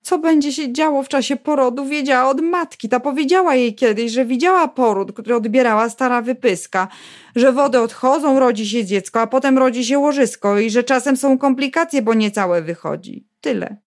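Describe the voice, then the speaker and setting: A woman narrating a novel in a measured, even storytelling voice, sitting a little higher in pitch than most women. She keeps a steady, unhurried audiobook delivery throughout.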